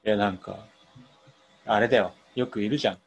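A man's voice: lowish voice, steady tone, a little fast, breathy edge, highs cut off. A man co-hosting a casual podcast chat, teasing his friend with blunt retorts and laughs. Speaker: podcast co-host.

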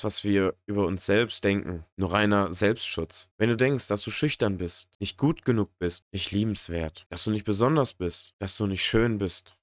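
A man's voice: lowish voice, no room sound, clean studio sound. A man in a motivational monologue who speaks earnestly and directly to the listener. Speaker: podcast host.

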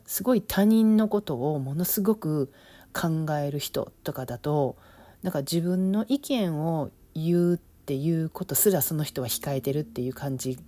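A middle-aged woman with an Osaka accent, speaking reflectively in a casual monologue, with lots of fillers and soft laughs. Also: deep voice, no echo. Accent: Osaka Kansai Japanese. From Osaka, Japan. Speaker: business coach, podcast host.

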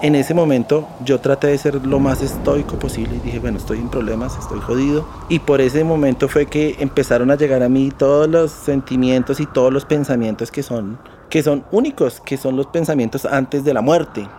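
A man's voice: medium pitch, normal speed, hardly any pauses, mellow, slight background noise. A man with a Colombian accent tells his own story as a survivor, vividly and with plenty of swearing. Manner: vivid, profane retelling. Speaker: interviewee, accident survivor. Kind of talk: personal testimony.

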